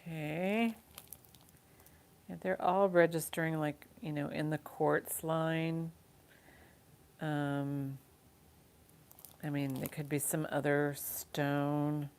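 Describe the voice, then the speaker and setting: Low, creaky-voiced woman auctioneer, unhurried. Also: fairly even intonation, darkish tone. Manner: chatty, informal auctioneer. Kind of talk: casual live-sale auctioneering, counting down bids.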